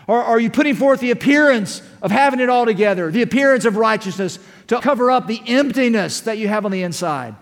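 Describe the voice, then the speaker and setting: A man with a high voice preaches a fervent sermon, swinging from hushed, low lines to ringing shouts. His words echo with a long reverb through a church sanctuary. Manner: impassioned preaching, rising to shouts, rhetorical questions. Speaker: pastor.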